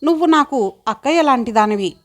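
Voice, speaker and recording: Earnest young woman, heartfelt and pleading, a bit high, for an audiobook, read by a woman. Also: expressive, brisk. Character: earnest young village woman eager to study.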